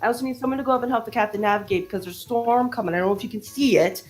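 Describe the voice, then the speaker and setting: A woman voicing a tiny bossy mouse sailor in a tabletop game, barking orders in a small, sharp, brusque voice without pausing for breath. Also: on the high side, voice pushed up, natural voice. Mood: urgent, commanding. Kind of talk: in-character tabletop game role-play.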